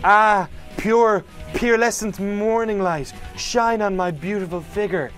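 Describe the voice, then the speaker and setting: A man's voice: sits high, slow pace, a bit bright, soft background music, voice pushed up. A man voicing a vain, pompous male bird inventor who speaks in a grandiose, self-admiring way.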